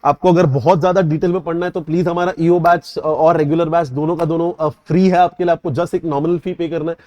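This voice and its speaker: A young man teaches at a rapid clip, his voice a little higher than most. The sound is dry and close. He keeps checking that his students have understood. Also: fairly even intonation, darkish tone, no echo. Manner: repeatedly checks understanding, mixes English terms into Hindi. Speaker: CA exam tutor. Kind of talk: revision lecture.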